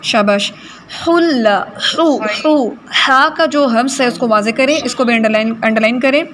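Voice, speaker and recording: In a Quran recitation class, a woman with a fairly high voice corrects her students' pronunciation and slowly models words for them, while a crowd murmurs in the background.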